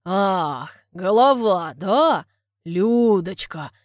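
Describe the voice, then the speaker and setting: A woman's voice: medium pitch, expressive, very slow, no room sound, clean studio sound. Woman doing a fawning clumsy village man. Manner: pleading, fawning, stumbling for words.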